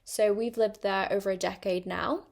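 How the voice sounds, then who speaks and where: On her personal podcast, a young adult host talks informally, sprinkling in many ums and likes, in an accent partly British and partly international. Her medium-pitched voice is creaky and darkish, with fairly even intonation at a moderate pace.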